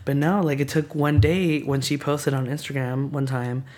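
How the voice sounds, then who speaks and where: A man's voice: medium pitch, fairly even intonation, normal speed, darkish tone. Chatty man hosting a casual podcast. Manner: chatty, filler-heavy with lots of "like". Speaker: podcast host. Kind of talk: casual chat.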